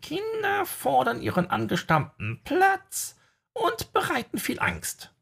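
A squeaky, goofy male sidekick. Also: huge pitch swings, slow pace, gravelly, fairly bright tone, exaggerated voice. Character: excitable male friend, high squeaky voice.

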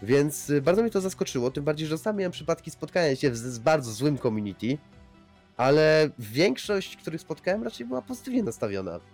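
A man's voice: on the high side, very animated, brisk, a little mellow, faint music behind. A man hosting a casual podcast discussion, talking in a rambling way and often repeating himself. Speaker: podcast host.

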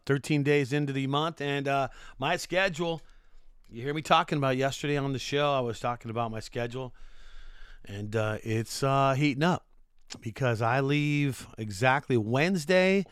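A middle-aged American man, a podcast host and sports announcer, talks solo on his own show in a medium-pitched voice. The sound is clean, studio quality, and free of echo, while his chat is upbeat, rambling, and full of fillers.

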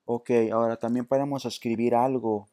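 A man's voice: medium pitch, level tone, brisk, mellow, slight background noise. A man presenting a tech tutorial, patiently walking through each step with hesitant restarts. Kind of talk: screen-reader app walkthrough.

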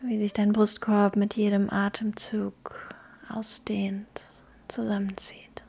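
Female meditation guide: hushed, husky-breathy near-whisper, gentle delivery with unhurried pauses. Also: medium pitch, completely flat delivery. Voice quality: soft, breathy. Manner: gentle, hushed, slow pauses between phrases. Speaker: podcast host guiding a meditation.

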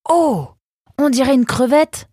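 A woman voicing an excitable young male fox, eager and exclaiming, with hesitant fillers now and then. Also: on the low side, measured pace, slightly rough, no room sound, studio quality, voice pushed up.

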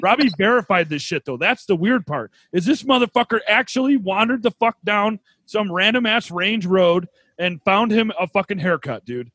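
A man's voice: high voice, lively intonation, moderate pace, few pauses, a bit bright, dry recording. A man chatting casually on a podcast, telling stories with profanity and slang.

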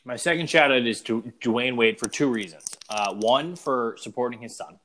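A young man co-hosting a casual podcast, with a middle-pitched voice. He tells things with animated swings in tone. He laughs often and sometimes trails off mid-thought. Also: moderate pace, a little hiss or hum. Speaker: podcast co-host.

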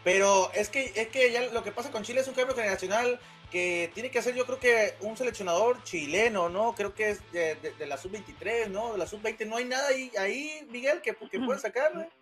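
A man's voice: high-pitched, brisk, few pauses, a bit bright, faint music behind. A man co-hosting a casual football chat, teasing and joking with the others. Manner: teasing, playful, jokey. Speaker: co-host.

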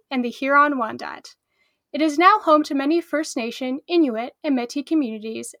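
A woman hosting a podcast, reading her introduction in a clear, measured way and then asking questions. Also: high-pitched, a bit bright, no echo, studio quality. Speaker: podcast host. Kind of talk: scripted introduction and interview.

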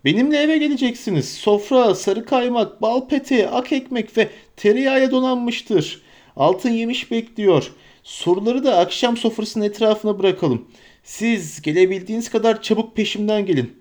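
A man's voice: high voice, moderate pace, a little mellow, pitched above the performer's own voice, lightly acted. A man voicing a jolly, boisterous old forest man in an audiobook, exuberant and sing-song with a commanding bounce. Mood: merry. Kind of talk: audiobook character voice.

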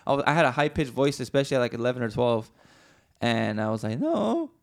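A man tells a story in loose podcast chat, words tumbling out quickly. He rambles, swears freely and restarts his sentences often. His pitch sits in the middle of the male range. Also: fairly even intonation. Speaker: podcast co-host. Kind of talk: casual storytelling.

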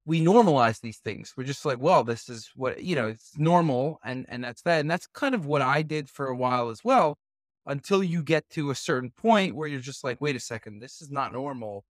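A man's voice: medium pitch, expressive, moderate pace, dry recording, studio quality. A man hosting a podcast interview, talking casually and hesitantly, with many fillers and restarts. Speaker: podcast host.

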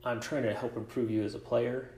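A man who is a podcast host, coach and author leads a casual interview about coaching, asking long, rambling, reflective questions. His medium-pitched voice is level, brisk and a little mellow, and the room sounds echoey.

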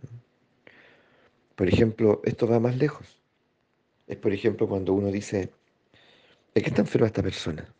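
Low, husky man teaching slowly. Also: warm tone. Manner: slow, thoughtful, with pauses and rhetorical checks. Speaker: spiritual teacher. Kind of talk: reflective spoken teaching. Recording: dull lo-fi recording.

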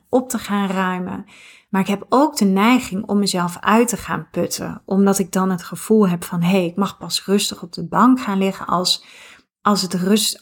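A woman's voice: mid-range voice, gravelly, breathy edge. A woman in her thirties hosting a podcast in a reflective, casual monologue, with many fillers and restarts. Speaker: podcast host.

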